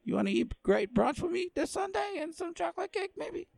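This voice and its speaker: A man's voice: very high-pitched, big pitch swings, fairly quick, vocal fry, darkish tone, dry recording, clean studio sound, pitched above the performer's own voice, full character voice. A man voicing a rambling, spaced-out old stoner oddball making a prank phone call. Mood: pleading.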